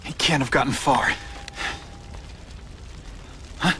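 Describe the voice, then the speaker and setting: An American man playing a guilt-ridden, determined young superhero in a dramatic video game, with a slightly rough edge to his voice. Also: medium pitch, slow, bright, forceful tone, slight background noise. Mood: tense, brooding. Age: young adult.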